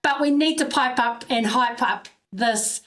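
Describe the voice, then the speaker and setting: A woman's voice: a little high, unhurried, fairly bright tone. A woman hosting a podcast, chatty and enthusiastic, piling up several questions at once for her guest. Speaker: podcast host. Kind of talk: casual podcast interview.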